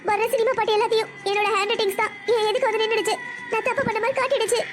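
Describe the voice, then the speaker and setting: A woman's voice: very high-pitched, fairly even intonation, racing. A woman voicing a heartbroken seventeen-year-old girl in a family cartoon, complaining through tears. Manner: tearful, complaining. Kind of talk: cartoon voice acting.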